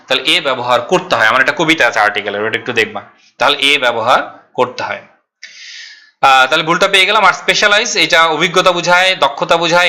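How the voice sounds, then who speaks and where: A man with a very bright, forceful tone works through grammar questions like a patient tutor. He repeats each rule, slows right down on English examples, and answers his own questions. His pitch sits in the middle range. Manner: stretches out English example sentences. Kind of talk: classroom lesson explaining exam questions.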